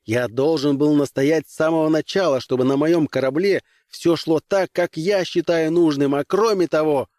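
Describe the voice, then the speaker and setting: A man's voice: fairly high pitch, moderate pace, hardly any pauses, a little mellow, no room sound, clean studio sound, voice pushed up, natural voice. A man doing a hot-tempered young starship captain. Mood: defiant. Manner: heated, defiant, barking.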